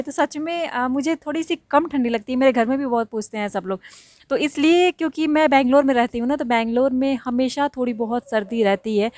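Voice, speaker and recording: A woman talks through a casual vlog in a chatty, easy way with gentle laughs, her voice a little high. The sound is dry and close. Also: no room sound. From India. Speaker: vlogger. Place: village home.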